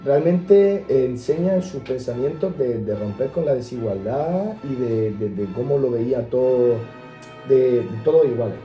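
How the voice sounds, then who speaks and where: A young man co-hosting a casual music podcast, talking hesitantly and pausing to search for words. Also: medium pitch, reverberant, distant mic, dull audio. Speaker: podcast co-host. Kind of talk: casual chat about music history.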